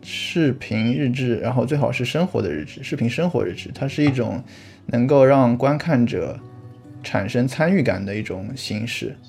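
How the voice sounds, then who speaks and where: A man's voice: medium pitch, expressive, normal speed, vocal fry, a little mellow, soft background music. A man who is a guest on a podcast, explaining his topic in an easygoing way, thinking aloud with restarts and easy laughs. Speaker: podcast guest, vlog creator. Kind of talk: casual podcast chat.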